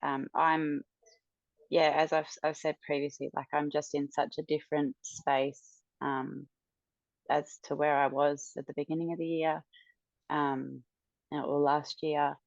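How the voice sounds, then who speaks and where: A woman speaks as a podcast guest in a low, flat, gravelly voice, stopping and restarting with many fillers. The sound is dry and slightly dull, with no room echo. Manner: hesitant, halting, many fillers, soft. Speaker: coaching client and podcast guest. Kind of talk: podcast interview testimonial.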